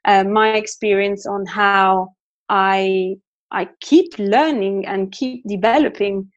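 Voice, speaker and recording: A woman with a medium-pitched, steady voice speaks slowly, and the highs are cut off. She is an Italian native speaker appearing as a guest interpreter in London, chatting casually about how she learns English with frequent fillers and restarts.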